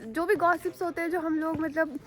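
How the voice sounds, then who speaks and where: A woman vlogger from Jammu and Kashmir with a high voice. She talks to her viewers in a loose, chatty way and keeps calling them "guys". She records herself outdoors on a handheld phone. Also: fairly even intonation, a little fast. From Jammu and Kashmir, India. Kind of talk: casual vlog storytelling to viewers. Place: outdoors on a rooftop and at a school ground.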